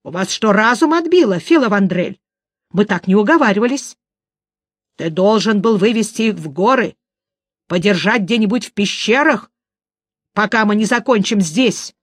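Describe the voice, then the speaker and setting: A woman voicing a brash, indignant male devil with a shrill, blustering bleat in an audiobook reading. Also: expressive, normal speed, no room sound, lightly acted.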